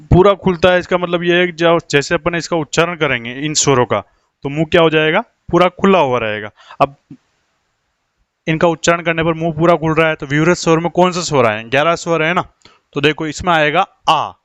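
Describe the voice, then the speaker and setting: A man teaching a grammar lesson, asking questions and answering them himself, slowing down to dictate definitions. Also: fairly high pitch, fairly bright tone, clean tone, dry recording. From India. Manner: asks rhetorical questions and answers them himself, slows down while writing on the board.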